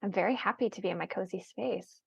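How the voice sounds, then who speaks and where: A woman's voice: mid-range voice, creaky, darkish tone, breathy edge, dry recording, muffled recording. Friendly woman co-hosting from home. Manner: friendly, self-deprecating, talks fast when joking. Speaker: online co-host. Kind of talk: casual live-stream chat. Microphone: video call.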